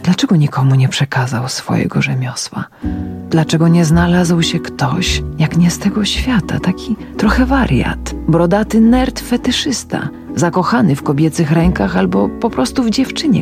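A woman reading first-person literary prose for radio in a quiet, reflective manner that sinks into whispers. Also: on the low side, very animated, moderate pace, vocal fry. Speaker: radio reader. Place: radio studio. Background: music.

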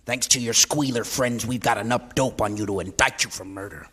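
An actor playing a brutal, sneering, bigoted police officer with a husky, forceful voice. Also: male voice, medium pitch, fairly quick. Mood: contemptuous. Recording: reverberant hall.

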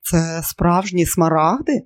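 A man voicing a lively young woman who gushes and calls out loudly. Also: sits high, slow pace, dry recording, clean studio sound. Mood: gushing. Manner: loud calling out.

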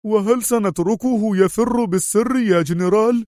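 A man voicing a nervous, slow-witted male henchman in a spoken story, asking anxious shouted questions. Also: sits high, no room sound, studio quality, voice pushed up, lightly acted.

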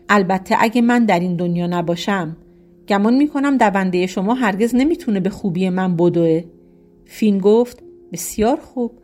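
A woman's voice: a little high, darkish tone. A woman reading a folk tale aloud as an audiobook narrator, speaking each character's lines in her own voice. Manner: reads all characters in her own voice with quoted dialogue. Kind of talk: storybook narration.

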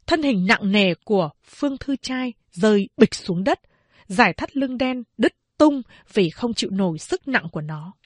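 Woman, audiobook narrator, expressive reading, fairly high voice, dry close mic. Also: normal speed, no echo. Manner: lively, acts out scenes as she reads.

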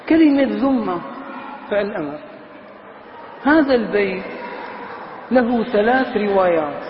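Man teaching grammar, stretches out example words, chants verses, asks the class questions, dull recording with faint hiss. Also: sits high. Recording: echoey hall, slightly dull sound, faint noise.

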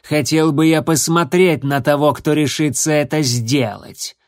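A man voicing a huge, cold and menacing warrior tomcat in an audiobook, speaking slowly with a hissing contempt. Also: on the high side, no room sound, clean studio sound.

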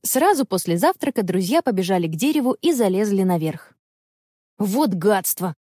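Expressive woman reading a children's story. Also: mid-range voice, a little fast, dry recording, clean studio sound. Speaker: audiobook narrator. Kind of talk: scripted storybook narration.

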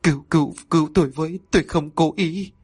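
A man's voice: medium pitch, animated, fairly quick, breathy edge, no room sound, clean studio sound. A man voicing a terrified young wife who stammers and pleads through tears in a horror story. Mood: panicked. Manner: sobbing, stammering pleas.

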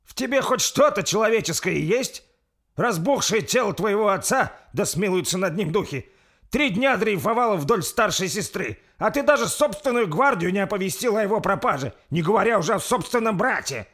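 A man voicing a defiant lord who shouts his demands in a strained, high voice. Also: expressive, normal speed. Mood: furious. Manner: shouting, indignant. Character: furious older male lord, defiant and loud.

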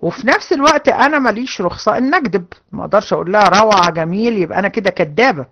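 A woman with an Egyptian Arabic accent gives a hadith lesson to women students, speaking directly to the class and earnestly repeating her points. Her mid-range voice is animated, a bit bright, and rapid-fire.

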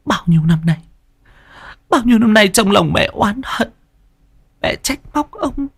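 Storybook mother figure, male reader doing her: middle-aged, anguished, reproachful, higher voice, dry booth sound. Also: expressive, measured pace, slightly rough, no room sound, full character voice. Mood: bitter. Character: grief-stricken middle-aged mother, bitter and pleading. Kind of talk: audiobook character voice.

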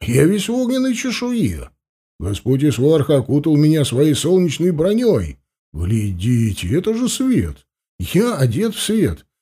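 A man voicing an excited, boastful young man in an audiobook. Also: slow pace, breathy edge, heavily acted. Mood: exultant. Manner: excited exclamations, raised higher voice.

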